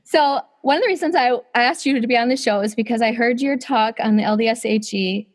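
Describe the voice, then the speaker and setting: Speaking quickly on the high side, a female podcast host delivers her scripted intro and then dives into an excited conversation with her guest. Today her voice has a scratchy quality.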